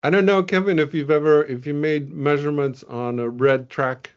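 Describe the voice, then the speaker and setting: Over a video call with muffled sound, a man from Venezuela talks through his scientific results in a relaxed webinar, full of ums and false starts. He speaks at a moderate pace in a fairly high, steady voice.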